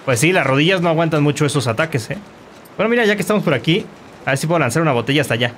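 A man commentating his own gameplay, animated and quick to shout insults at enemies. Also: fairly high pitch, slight background noise. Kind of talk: let's play commentary.

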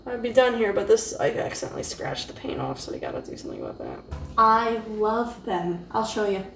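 A woman's voice: medium pitch, sing-song, fairly quick, creaky. A young woman chatting casually as she paints at home, jokey and a little self-deprecating. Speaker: art vlogger. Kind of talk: casual chat while painting. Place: home kitchen with a running dishwasher. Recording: echoey room, mic a bit far off.

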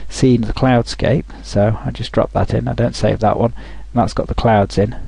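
A man talking through a software tutorial over a screen recording, thinking aloud with frequent restarts. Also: medium pitch, steady tone, moderate pace, gravelly, slightly rough, no echo, low-quality recording.

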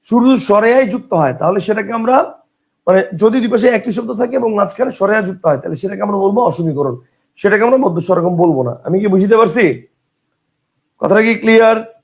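A man's voice: high voice, lively intonation, a little fast, vocal fry. A man teaching a grammar lesson for exam preparation, explaining patiently, repeating examples and checking that his students follow. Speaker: exam-prep grammar tutor. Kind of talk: online lecture.

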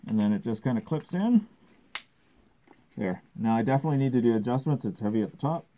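A man's voice: medium pitch, lively intonation, fast, dark tone, slight background noise. A man in a casual product vlog, thinking aloud, his voice muffled through a snorkel face mask. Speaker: product reviewer.

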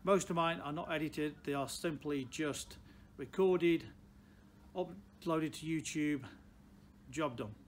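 Man in his sixties, Stoke accent, slightly high voice, plain-spoken car dealer talk, noticeable showroom background noise. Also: takes it slowly. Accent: Stoke-on-Trent (Potteries). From Stoke-on-Trent, England. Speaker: car dealer presenting advice. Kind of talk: unscripted direct-to-camera advice talk. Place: large indoor car showroom.

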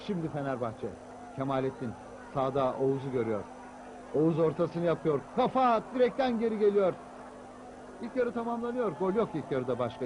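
A man commentating on football highlights, raising his voice excitedly for goal calls. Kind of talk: broadcast match highlights commentary. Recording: noisy 1990s TV broadcast, loud stadium crowd. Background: roaring stadium crowd.

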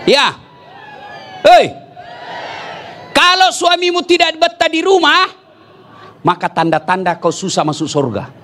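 A middle-aged man with a Makassar accent preaching a humorous sermon, joking and often shouting. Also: very high-pitched, big pitch swings, a little slow, pauses often, some chatter behind, slight background noise. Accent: Makassar Indonesian.

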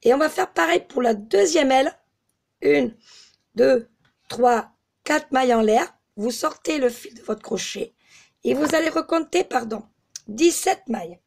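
A slightly hoarse woman giving a step-by-step crochet tutorial, patiently counting stitches aloud. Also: high voice, animated, unhurried, a little mellow. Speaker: crochet teacher.

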